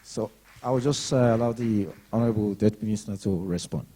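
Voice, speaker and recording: A man chairing the question session of a public lecture, brisk and polite, with frequent short acknowledgements. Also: on the low side, mellow, breathy edge, poor audio. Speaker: moderator.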